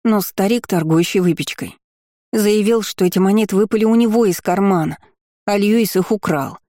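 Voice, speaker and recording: A scared, ragged little boy from a storybook, crying and sniffling through his words, played by a male narrator. His voice sits high and strained. The sound is close and dry. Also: normal speed, mellow, no room sound, close to an everyday voice. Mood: distressed.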